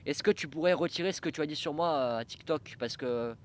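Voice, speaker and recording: Rambling young man vlogging, fairly high voice. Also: brisk, a little hiss or hum. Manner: rambling, hesitant, many fillers and restarts. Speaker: train-spotting vlogger. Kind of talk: casual vlog monologue.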